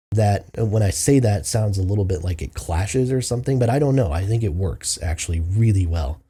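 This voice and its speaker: Low, husky-voiced man reviewing albums. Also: warm tone. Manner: loose, filler-heavy, thinking aloud. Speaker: music reviewer host. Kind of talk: casual album review monologue.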